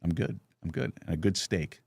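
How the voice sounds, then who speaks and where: A middle-aged man hosts a relaxed live conversation, his voice sitting very low. He tells stories loosely, restarting phrases and chuckling along the way. The sound is dry and close. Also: moderate pace, gravelly, breathy edge, no echo. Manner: storytelling with lots of restarts and chuckles. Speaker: podcast host. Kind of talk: casual live chat.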